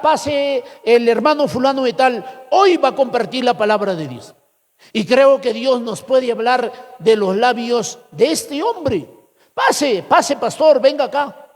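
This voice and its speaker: A man voicing a calm, authoritative senior male pastor with a measured pastoral manner. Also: very high voice, big-room sound.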